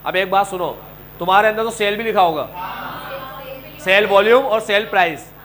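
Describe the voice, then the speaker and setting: A middle-aged man with an Indian accent teaching a coaching class, animated, scolding and joking with his students. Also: sits high, moderate pace, poor audio. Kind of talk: classroom lecture.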